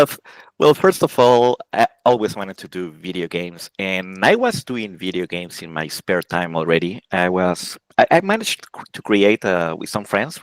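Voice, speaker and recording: Man from Honduras, forties, game programmer interview guest, halting with restarts, lowish voice, dry close sound. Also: no echo, poor audio. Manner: halting, many restarts and self-corrections, laughs often. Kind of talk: casual interview answers.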